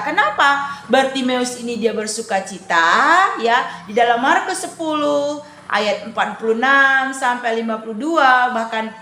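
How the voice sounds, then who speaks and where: A woman with a high voice leads a children's Bible lesson, unhurried and animated, quizzing the class as she goes. The sound is roomy, with the echo of a classroom and faint noise behind her. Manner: animated storytelling with questions to the class. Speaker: Sunday school teacher.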